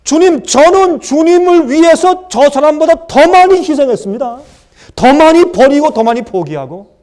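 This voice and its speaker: A man's voice: very high voice, big pitch swings, quick pace, dark tone, husky, voice pushed up, heavily acted. A man voicing an adult male vineyard laborer who pleads and complains to his master. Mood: aggrieved. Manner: pleading, aggrieved.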